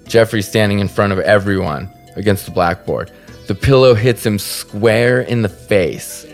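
A fairly low-pitched man speaks at a measured pace while soft music plays in the background. He hosts a podcast and comes from the Salt Lake area, casually sharing a comic story with plenty of swearing and self-deprecating laughs.

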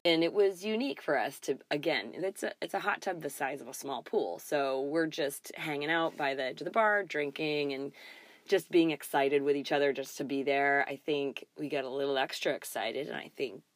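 A woman co-hosting a podcast, telling a story in casual chat, animated and laughing often. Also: deep voice, moderate pace, dry recording. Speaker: podcast co-host.

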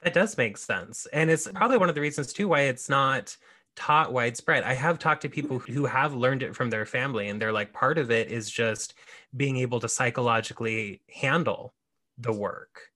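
A man's voice: mid-range voice, moderate pace, sharp tone. A man talking as an author and guest in a casual interview, explaining earnestly and laughing easily.

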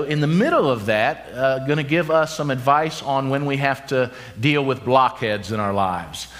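Guy in his 50s preaching, story-telling, mid pitch, gets loud then slows way down. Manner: animated storytelling, slows for emphasis. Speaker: pastor. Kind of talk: sermon.

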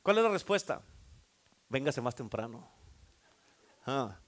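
A male pastor preaching a sermon, rising to loud fervent passages and dropping to hushed asides, acting out people's excuses. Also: mid-range voice, very animated, slow.

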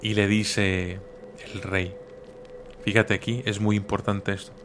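A man's voice: lowish voice, flat delivery, unhurried, background noise. A man telling a folk legend casually, with slang asides and repeated words. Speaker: storyteller. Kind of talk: casual oral storytelling.

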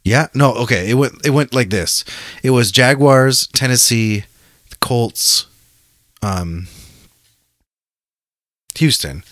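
A man's voice: medium pitch, slow, long pauses, a bit bright, no echo, clean studio sound. A man casually talking football as a podcast host, with an informal, sweary way of talking. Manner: profane, informal.

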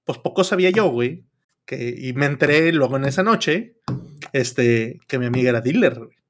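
On a podcast, a co-host with a Mexican Spanish accent spins a casual, slang-heavy yarn laced with profanity and filler words. His mid-range voice moves at a moderate pace with lively intonation.

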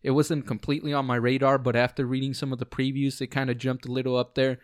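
A man hosts a laid-back podcast with friends at home, talking in an easygoing, rambling way full of ums. His voice sits in a middle pitch and sounds dry and close, with no room echo. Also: little pitch movement, fast. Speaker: podcast host. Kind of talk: casual podcast chat.

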